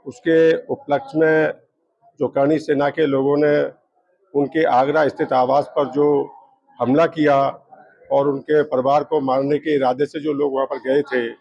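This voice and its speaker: A man's voice: medium pitch, a little mellow, dull audio. A man, a party wing's state president, giving an insistent, explanatory statement to reporters.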